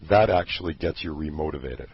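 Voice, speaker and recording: A man's voice: rumbling low, a little fast, breathy edge. A man promoting a program he created, talking in an earnest, passionate way with many restarts. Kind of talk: casual promotional chat. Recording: dull lo-fi recording.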